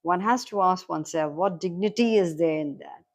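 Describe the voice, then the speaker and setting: A woman voicing an elderly male butler, stiff and formal, with very restrained politeness. He apologizes quietly and keeps himself in check. It sounds like a novel being read aloud. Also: on the low side, moderate pace.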